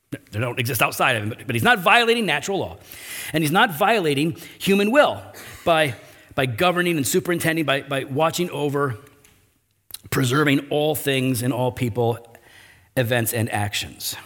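A male pastor delivers a sermon in a conversational way, trailing into restarts and quick asides. His voice sits at an ordinary middle pitch but climbs and gets louder whenever he drives home a point. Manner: animated preaching, pitch and volume rising for emphasis.

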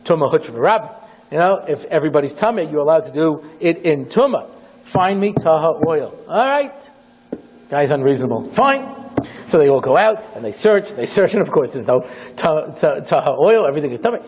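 A male rabbi teaches with theatrical storytelling. His high voice leaps across a wide range and has a husky grain. The recording is dull and lo-fi. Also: very animated, a little fast, darkish tone. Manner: dramatic, theatrical, acts out scenes. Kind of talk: animated storytelling lecture.

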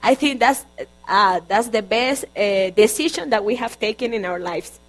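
A Colombian woman with a Spanish accent preaches a sermon in her second language. Her voice sits fairly high, and her delivery is earnest, with frequent halting restarts. A faint electrical hum runs underneath. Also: animated, faint music behind, poor audio. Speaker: guest preacher.

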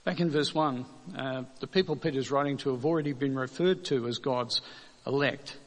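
A man preaching a sermon in a conversational way, asking rhetorical questions and slowing down to stress key words. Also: mid-range voice, long reverb tail.

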